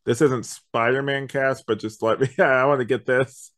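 A man co-hosts a podcast reviewing an audio drama, chatting casually in a rambling, opinionated way and often quoting his own thoughts. His mid-range voice has a fairly bright tone, fairly even intonation, and a moderate pace.

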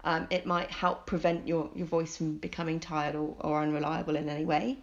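A woman's voice: deep voice, flat delivery, fairly quick, gravelly. A woman, a vocal coach, explaining voice care in an upbeat, coaching manner on a podcast. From United Kingdom. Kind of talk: podcast conversation. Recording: dull lo-fi sound.

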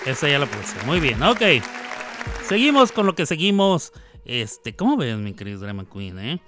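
A man's voice: mid-range voice, big pitch swings, a little slow, over music, a crowd in the background. A male radio host joking and teasing in playful banter on a studio microphone, laughing often.

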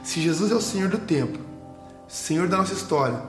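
A man with a high voice preaches a sermon, animated and quick to act out the voices of Bible characters, often putting questions straight to his listeners. He is heard in an echoey room with soft instrumental music playing underneath.

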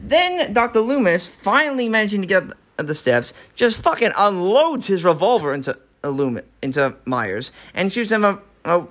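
A man co-hosting a podcast, casually recapping a horror film, animated and swearing freely. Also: sits high, normal speed, hardly any pauses. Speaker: podcast co-host.

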